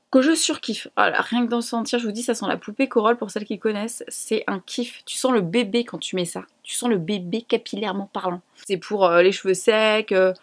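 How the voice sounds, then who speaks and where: A woman from France chatting casually in a beauty haul video, enthusiastic and fond of repeating words for emphasis. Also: medium pitch. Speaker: beauty vlogger.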